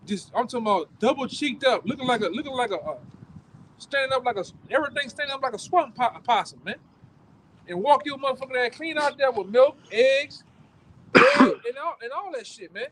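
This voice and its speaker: High-voiced forceful street preacher. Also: male voice, animated, a little fast, a little hiss or hum, poor audio. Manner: forceful, repetitive, profane, ends phrases with "man". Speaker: street preacher leading the camp.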